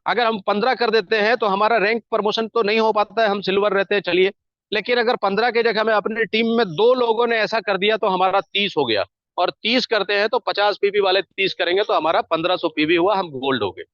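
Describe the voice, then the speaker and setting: A man's voice: high-pitched, brisk, no room sound. A man giving a persuasive, repetitive motivational talk as a network marketing team leader. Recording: dull, dry lo-fi sound.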